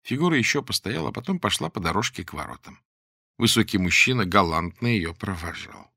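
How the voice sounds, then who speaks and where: Expressive male audiobook narrator. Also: deep voice, a little fast, gravelly, slightly rough, no echo, clean studio sound. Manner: expressive storytelling. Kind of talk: scripted narration.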